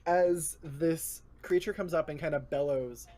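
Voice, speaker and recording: A man narrating as game master for a tabletop role-playing session, relaxed and quick to laugh. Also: on the high side.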